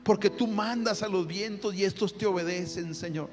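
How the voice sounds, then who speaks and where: A man with a voice that sits high leads a fervent spoken prayer at a moderate pace, calling out to the Lord after nearly every phrase. Soft guitar music plays beneath him, and the recording carries a long hall reverb.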